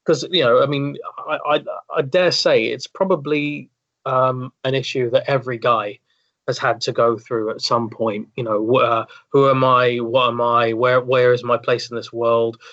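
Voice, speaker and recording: A man's voice: mid-range voice, fairly even intonation, normal speed, fairly bright tone. A man talking as a podcast guest, wordy and thoughtful, often repeating words as he thinks. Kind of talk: casual podcast chat. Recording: dull lo-fi sound.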